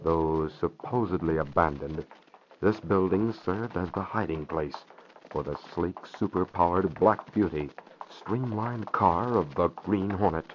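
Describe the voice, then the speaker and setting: A man's voice: deep voice, a little slow. A man narrating an old-time radio drama in a scripted storytelling style. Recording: dull, noisy old radio recording.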